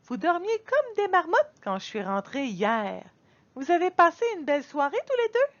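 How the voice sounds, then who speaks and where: A woman reading as a gentle storybook mother, tender and cheerful, with a higher voice that rises and falls in a lively way. She speaks slowly, and the recording sounds dull and lo-fi. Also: full character voice.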